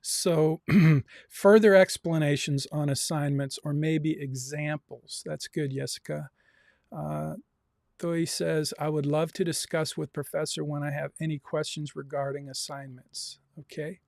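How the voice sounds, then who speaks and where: A man's voice: on the high side, fairly even intonation, unhurried, creaky, darkish tone, no echo, studio quality. A man teaching a livestreamed university class, reading out students' comments and coaxing more answers. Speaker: university professor.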